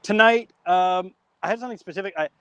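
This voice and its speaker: A man's voice: sits high, quick pace, a bit bright, smooth, no echo. A man hosting a live talk show, speaking casually with many restarts and stumbles, and telling a long joke in an easygoing way. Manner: chatty, self-correcting, jokey storytelling. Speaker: host.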